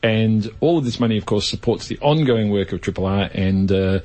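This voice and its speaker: Aussie guy hosting a science radio show, bit husky, jokey and super informal. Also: fairly low pitch, brisk, dark tone. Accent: Australian. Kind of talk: casual live radio panel chat.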